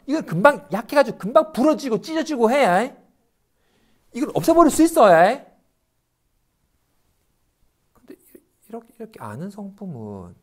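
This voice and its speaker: Animated Buddhist monk giving a lecture. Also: male voice, very high-pitched. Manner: animated, acts out everyday complaints in quick asides. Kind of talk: dharma lecture.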